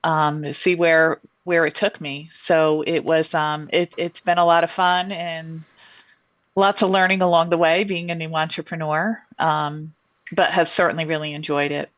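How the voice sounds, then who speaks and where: A woman guest answering interview questions about her career, pausing often with ums and restarting sentences. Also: low voice, little pitch movement, a bit bright, no room sound, highs cut off. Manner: thoughtful, many ums and restarts. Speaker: guest, insurance executive.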